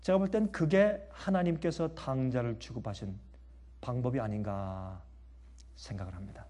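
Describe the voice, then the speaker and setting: A man preaching a sermon, telling stories with lively swings between soft and loud speech and frequent laughter. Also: medium pitch, moderate pace.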